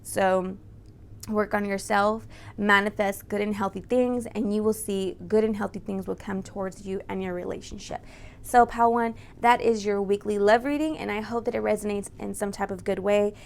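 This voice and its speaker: Her creaky mid-range voice moves at a moderate pace with fairly even intonation as she hosts a casual tarot reading. Speaking near the microphone, the channel host stays chatty and informal, peppering her talk with "right?" and "you know."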